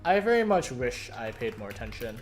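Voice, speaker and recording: A young adult streamer with a hoarse, croaky voice, casually thinking aloud while coding and often stopping to correct themselves. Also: medium pitch, big pitch swings, a little fast. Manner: thinks aloud, self-correcting, many fillers. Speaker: streamer studying compilers. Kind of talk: casual live-coding narration.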